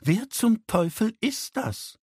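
A cutting, scornful woman with a high voice, as a male narrator puts her on. She hisses short, hostile lines from a husky throat, and her contempt drags the words out slowly. It sounds like a dry, close audiobook reading. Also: big pitch swings, dry recording, full character voice. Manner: hissing, curt, scornful. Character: sharp-tongued hostile woman, adult daughter.

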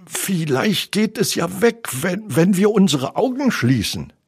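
Casting: timid trembling piglet, very high and thin, voiced by a man. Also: big pitch swings, slow, breathy edge, exaggerated voice. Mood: anxious. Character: timid small male piglet, anxious.

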